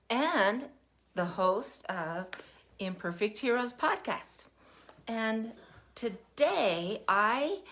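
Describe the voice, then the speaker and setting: This older podcast host talks slowly at medium pitch during a casual livestream for her viewers, chatty, warm-hearted, and full of meandering fillers. She has a cough she's recovering from and is sucking on a cough drop.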